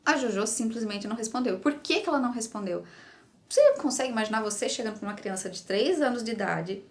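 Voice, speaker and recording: Brazilian mom-coach, 30s, upbeat and chatty to camera, voice sits a bit high. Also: female voice, fast. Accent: Brazilian Portuguese. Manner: chatty, animated, addresses viewer directly. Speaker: bilingual parenting coach. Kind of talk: casual explainer to camera.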